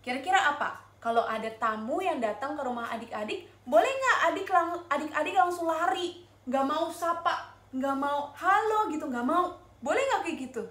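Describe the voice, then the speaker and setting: High, lively woman teaching small children. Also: moderate pace, reverberant. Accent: Indonesian. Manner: animated, sing-song, asks children questions. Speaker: Sunday school teacher. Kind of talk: storytelling to young children.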